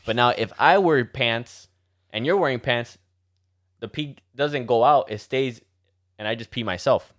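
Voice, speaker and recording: A man's voice: medium pitch, a little slow, fairly bright tone. A man with a Miami Cuban accent co-hosting a casual chat, joking and switching between English and Spanish. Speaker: podcast co-host.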